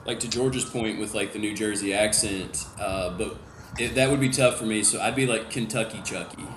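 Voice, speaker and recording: A man's voice: lowish voice, steady tone, normal speed, fairly bright tone, reverberant, slight background noise. A man chatting as a guest on a video call, rambling with lots of fillers. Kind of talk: casual group video chat.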